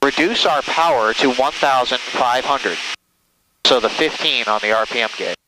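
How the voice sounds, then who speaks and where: Speaking through an aviation headset in a small airplane mid-flight, a male flight instructor walks his student through the controls step by step. He's reassuring and keeps asking short tag questions to make sure the student follows. His mid-range voice moves at a normal speed over the loud drone of the engine and radio chatter.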